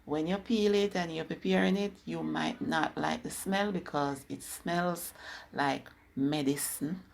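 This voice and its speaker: A woman's voice: low voice, measured pace, vocal fry, a little hiss or hum. A woman with a Jamaican accent, casually explaining a recipe on her cooking channel and slipping into patois. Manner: chatty, instructive, slips into patois. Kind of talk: casual cooking video narration.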